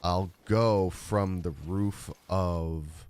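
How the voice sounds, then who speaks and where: Deep-voiced, slow-talking male game streamer. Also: a little mellow, no echo. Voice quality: deep and raspy. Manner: rambling, humming along while playing. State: rough throat. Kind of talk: live gameplay commentary.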